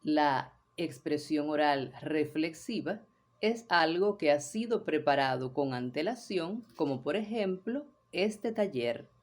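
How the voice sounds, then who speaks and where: A woman teaching a voice workshop in a measured, deliberate way, now and then acting out short examples. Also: deep voice, expressive, darkish tone. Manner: measured, deliberate delivery with brief acted examples. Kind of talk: scripted instructional talk.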